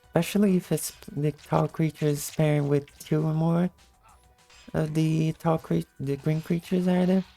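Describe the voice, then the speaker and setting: A woman with a low-energy, just-woke-up morning voice giving a casual gameplay tutorial in commentary style. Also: fairly even intonation, unhurried, creaky, warm tone, soft background music, rough recording. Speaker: video game guide narrator.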